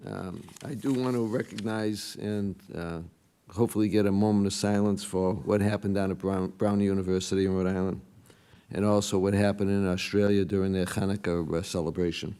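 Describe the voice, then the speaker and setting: A man speaking informally as a city councilor at a public meeting, halting, his voice hoarse, raspy and partly whispery as it comes back after being lost. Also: deep voice, steady tone, warm tone. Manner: halting, hesitant delivery.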